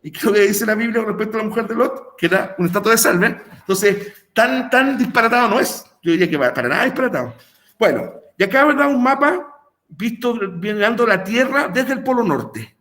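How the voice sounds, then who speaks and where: A man's voice: high-pitched, expressive, a little fast, a bit bright. A man teaching an online class, rambling and checking in with his students with lots of fillers. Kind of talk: recorded online class explanation.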